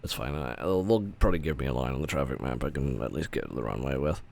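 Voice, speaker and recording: A man's voice: extremely low pitch, fast talker, creaky, darkish tone. A man streaming a flight simulator with casual commentary, muttering to himself and swearing freely. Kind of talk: casual livestream gameplay commentary.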